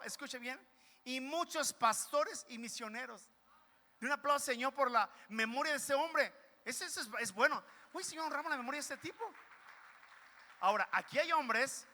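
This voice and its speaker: A man's voice: very high-pitched, bright, forceful tone. A man preaching a sermon as pastor, energetically calling on the congregation to repeat phrases after him. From Mexico. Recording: reverberant church hall with music.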